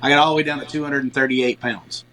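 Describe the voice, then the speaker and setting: On a podcast, a male guest quickly recounts his experiences in a relaxed, conversational style. He's a lively storyteller with an ordinary mid-level pitch who mimics the voices of people he quotes, while faint music plays behind him.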